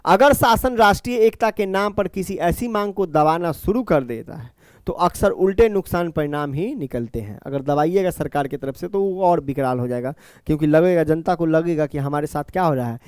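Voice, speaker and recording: A man's voice: a little high, animated, normal speed, a little mellow, clear, resonant tone, no room sound, clean studio sound. A man teaching a class. He explains each point by repeating it and answers his own questions. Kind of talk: classroom lecture.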